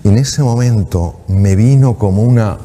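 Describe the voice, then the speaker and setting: A doctor giving a motivational talk on stage into a microphone, telling a patient anecdote in a lively way and acting out the dialogue. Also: male voice, fairly low pitch, moderate pace, in a large hall, noisy background. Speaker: doctor and speaker.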